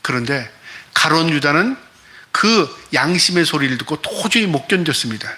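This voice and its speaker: A man's voice: on the high side, lively intonation, moderate pace, bright, forceful tone. A man preaching as a pastor, delivering an emphatic sermon full of rhetorical questions to the congregation.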